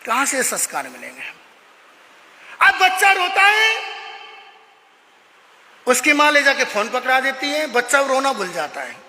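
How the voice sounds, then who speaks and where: High-voiced Jain monk preaching. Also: male voice, wildly swooping pitch, unhurried, pauses often, pushed and bright. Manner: emphatic, moralizing, acts out dialogue. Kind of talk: sermon with storytelling. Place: Jain prayer hall. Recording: echoey hall with long reverb.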